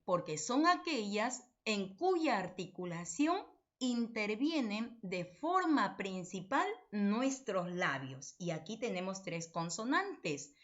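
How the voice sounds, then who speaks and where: A woman lectures on phonology at an unhurried pace, her pitch rising and falling a lot. She keeps asking and answering her own questions and checking in with her students. The recording sounds dull and lo-fi. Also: fairly bright tone. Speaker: phonology teacher.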